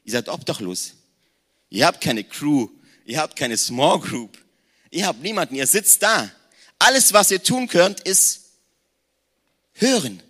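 A man around forty preaching a lively sermon in a conversational tone, speaking straight to the congregation. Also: a little high, unhurried, long pauses. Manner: conversational, addresses the congregation directly, mixes in English slang words. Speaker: pastor.

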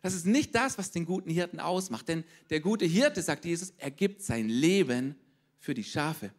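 This is a pastor's sermon from a man whose voice leans high. He talks right to the people in the pews with liveliness, checking in with them through short questions again and again.

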